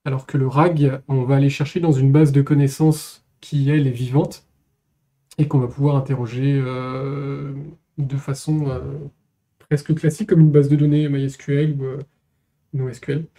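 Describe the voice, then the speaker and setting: A man's voice: mid-range voice, flat delivery, moderate pace, dark tone. A man, a developer guest on a casual tech podcast panel, who explains technical ideas in plain terms.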